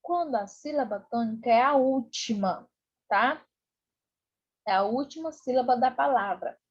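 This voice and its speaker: A woman's voice: a little high, measured pace, breathy edge, dull audio. A Brazilian woman teacher giving an online lesson for children, patient and repetitive, checking in often. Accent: Brazilian Portuguese. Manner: patient, repeats with "né?" and "tá bom?".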